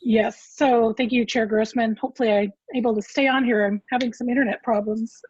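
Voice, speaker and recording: A woman's voice: fairly high pitch, a little fast, breathy edge, no room sound. A woman giving a formal, point-by-point meeting report over a group voice chat, her connection cutting out. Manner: steady, list-by-list reporting with fillers. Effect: group voice chat audio that cuts out. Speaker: agency member reporting at a public meeting. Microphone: computer mic on a video call. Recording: dull lo-fi online call audio.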